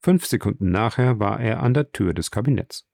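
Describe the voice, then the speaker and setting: A man narrating a classic novel as an audiobook, measured and even. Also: lowish voice, creaky, no echo, studio quality.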